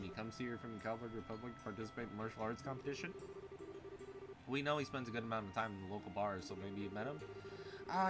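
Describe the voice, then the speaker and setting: A pompous young bard who speaks in grand, flowery phrases, as a streamer hams him up. His voice sits at a middling pitch and swells with smug self-importance. Game music plays behind him. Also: close to an everyday voice. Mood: grandiose.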